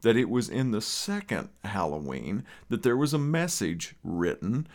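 A man's voice: on the low side, sing-song, measured pace, a little mellow. A man with an Eastern Kentucky accent hosting a podcast in a conversational, rambling way with folksy asides. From Eastern Kentucky, USA. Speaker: podcast host.

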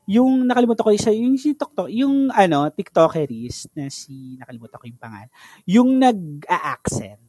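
Lively Filipino man co-hosting a podcast. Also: sits high, normal speed, dry recording, clean studio sound. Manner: chatty, mixing English into Tagalog. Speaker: podcast co-host. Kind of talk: casual podcast chat.

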